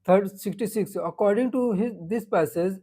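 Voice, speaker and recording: Guy going through quiz answers real slow, mellow kinda flat tone. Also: sits high, breathy edge. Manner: switches between Hindi and English, reads passages slowly with many fillers. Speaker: exam prep teacher.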